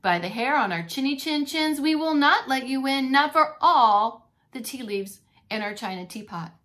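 A woman's voice: on the high side, wildly swooping pitch, fast. A woman doing the three little wolves. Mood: defiant. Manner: shouted chanting refusals. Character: three little wolves, small, frightened but defiant. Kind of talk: storybook read-aloud voice.

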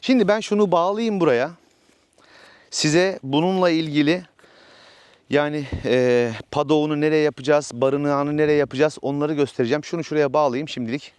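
A man's voice: a little high, steady tone, normal speed, clear, resonant tone, no echo. Chatty man vlogging from his farm. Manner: chatty, talks softly and coaxingly to his horse. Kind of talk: casual vlog narration. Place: outdoors on a village farm.

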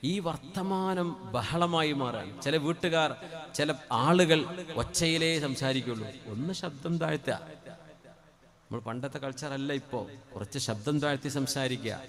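A man from Kerala preaching a sermon into a microphone, dropping to soft conversational asides and rising to loud, drawn-out chanted Arabic phrases. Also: mid-range voice, a crowd in the background. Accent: Kerala Malayalam. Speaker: Islamic preacher. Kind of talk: Malayalam sermon.

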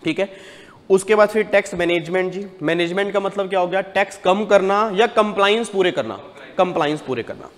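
A man giving a tax lecture to a class, animated, putting questions to the students and answering them himself. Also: high-pitched, fairly quick, in a large hall.

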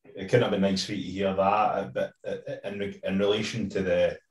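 A man's voice: low-pitched, little pitch movement, a little fast, far from the mic, a little hiss or hum. A man interviewing a boxer, asking long rambling questions with fillers, heard from farther off in a roomy space. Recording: roomy and off-mic.

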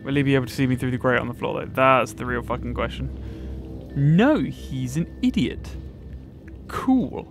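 A man's voice: medium pitch, lively intonation, normal speed, faint music behind. A man playing a video game and commentating as he goes, swearing, joking and mocking himself. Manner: sweary, self-mocking, talks to game characters. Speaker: gamer. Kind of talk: let's play commentary.

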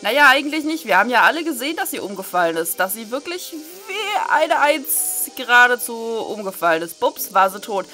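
A woman's voice: on the high side, big pitch swings, brisk, few pauses, bright, forceful tone, faint music behind. A woman doing casual let's-play commentary, chatty, irreverent and joking.

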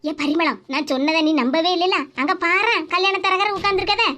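A woman's voice: very high voice, brisk, sharp tone, voice pushed down. A woman voicing a meddling old grandmother who tattles in a Tirunelveli Tamil accent. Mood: urgent gossip. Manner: urgent, conspiratorial tattling.

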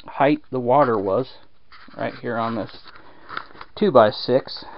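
In a creaky mid-range voice, a man drawls through a rambling, filler-laden home repair walkthrough of a damp basement. He films it handheld, and the dull lo-fi camera audio has a little hiss or hum.

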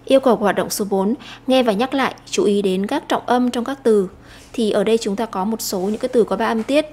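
A Vietnamese woman teacher explaining an English lesson, slowing down to read English phrases aloud. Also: on the high side, a little mellow.

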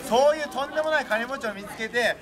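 A man's voice: very high voice, fast talker. A young man playing a boastful, worldly-wise old samurai lord, giving jovial, emphatic life advice to visitors in archaic speech. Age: young adult. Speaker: costumed historical performer. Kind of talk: in-character talk show for castle visitors. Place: outdoor castle grounds beside a stone wall. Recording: noisy outdoor recording from a distant camera.

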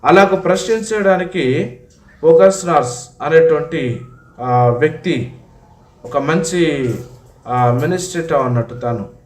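Higher-pitched pastor, echoey and distant. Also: male voice. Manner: retells a martyr story with frequent drawn-out fillers; addresses listeners as God's children. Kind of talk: storytelling sermon. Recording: echoey room, voice from a distant mic.

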